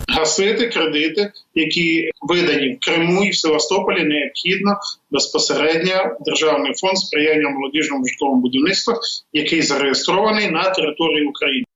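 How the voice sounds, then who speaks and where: A man delivers a formal official statement in a bright, somewhat high voice. The room echoes and the recording is a little dull. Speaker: fund board chairman, interviewed.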